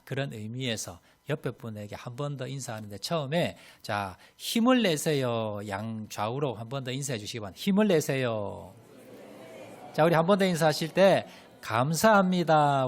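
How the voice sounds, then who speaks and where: A man as pastor, preaching a Sunday sermon in a church and leading the congregation in readings and greetings. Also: medium pitch. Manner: leads congregation in readings and greetings, lively storytelling. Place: church sanctuary.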